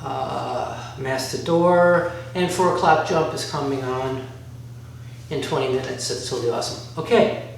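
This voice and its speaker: A man's voice: medium pitch, measured pace, vocal fry. A man giving a casual instructional walk-through, rambling a little as he thinks aloud. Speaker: DIY vlogger. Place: bare concrete-floored workshop room by a garage. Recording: very echoey room, distant mic, faint noise.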